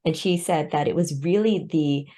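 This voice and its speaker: A woman's voice: low-pitched, moderate pace, warm tone. A woman born in Vietnam and raised in the United States, a guest in an interview, explaining her ideas through studies and personal stories with light laughter. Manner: light laughs between points. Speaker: guest expert on respect. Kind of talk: conversational interview.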